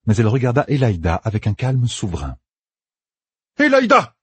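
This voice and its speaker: A man reads a fantasy audiobook in a husky, breathy voice, rising and falling with lively drama. The recording is dry and close, with no room sound. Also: fairly low pitch, fast, no room sound. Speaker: narrator.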